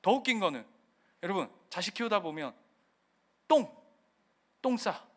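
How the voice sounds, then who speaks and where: A man preaching in a church with a high, bright, ringing voice. He keeps asking the congregation questions and answering them himself. He acts out the quoted words with lively voices. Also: measured pace. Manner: animated preaching, acting out quotes of God and parents. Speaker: pastor. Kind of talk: sermon. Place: church sanctuary.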